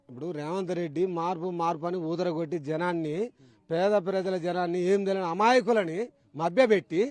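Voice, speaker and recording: A man's voice: high-pitched, darkish tone, dry recording. Heated, rhetorical Telangana man. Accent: Telangana Telugu. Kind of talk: roadside news interview.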